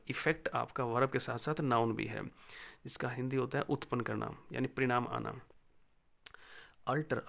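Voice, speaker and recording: A man teaching English words with an Indian accent, explaining each and slowly dictating example sentences. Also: mid-range voice, creaky, fairly bright tone.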